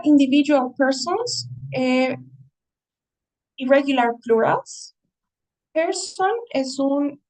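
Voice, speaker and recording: A woman's voice: high voice, darkish tone, far from the mic, poor audio. A woman English teacher giving a writing lesson, explaining patiently and often checking in with her students.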